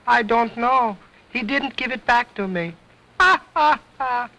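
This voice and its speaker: A man's voice: very high-pitched, bright, forceful tone, muffled recording, pitched above the performer's own voice, exaggerated voice. An actor voicing a cheeky, fresh-mouthed wooden ventriloquist dummy boy who wisecracks in broken grammar, in a 1929 film. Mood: sassy. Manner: wisecracking, sassy, broken grammar, slow drawl. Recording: vintage 1929 film soundtrack.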